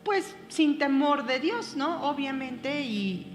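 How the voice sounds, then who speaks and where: A woman, reading scripture and then explaining it slowly, with many fillers and restarts. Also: sits high, animated, big-room sound. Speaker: Bible class teacher. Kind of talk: Bible reading and class commentary.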